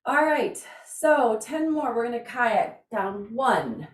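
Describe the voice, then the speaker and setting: A woman's voice: a little high, expressive, slow. A woman leading an exercise class as instructor, giving informal, encouraging cues with casual chat and counting. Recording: roomy echo, distant microphone.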